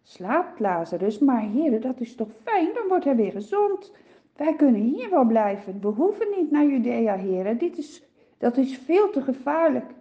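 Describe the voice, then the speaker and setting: A woman's voice: sits high, big pitch swings, measured pace, lo-fi sound, voice pushed up, exaggerated voice. A woman voicing anxious male disciples who protest worriedly in a children's story.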